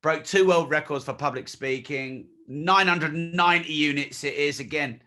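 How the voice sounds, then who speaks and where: A man's voice: fairly high pitch, moderate pace, pushed and bright. A man in his forties, a guest in an interview, talking bluntly and emphatically and swearing freely. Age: 40s. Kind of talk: candid conversational interview.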